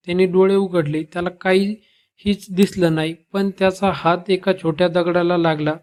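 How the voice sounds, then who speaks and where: A man narrating a scripted devotional story with a steady, even delivery. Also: high voice.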